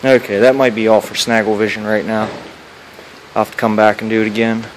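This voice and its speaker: A man's voice: lowish voice, flat delivery, fairly quick, slight background noise, rough recording. A man filming himself in a large barn with a handheld phone camera, giving laid-back, joking commentary to the camera. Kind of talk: casual self-filmed commentary.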